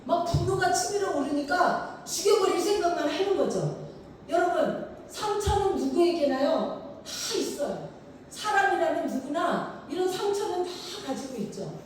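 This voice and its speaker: A woman's voice: moderate pace, a little hiss or hum. A woman pastor preaching a sermon, telling the story vividly and acting out quoted lines. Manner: animated storytelling, acting out quoted lines with big pitch swings. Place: church sanctuary. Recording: echoey hall picked up from far off.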